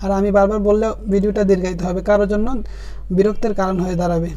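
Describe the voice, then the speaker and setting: A man teaching Quran reading, spelling out each letter and vowel mark and then drawing the words out slowly and patiently. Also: high-pitched, level tone, warm tone, dull audio. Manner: patient, addresses the viewer directly. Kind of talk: step-by-step spelling lesson.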